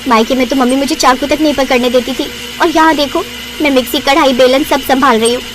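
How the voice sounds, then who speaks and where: A woman's voice: high-pitched, fairly even intonation, background noise, lightly acted. Woman doing Ragini, a cheeky young bride. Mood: sarcastic. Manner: quick-witted, sarcastic quips.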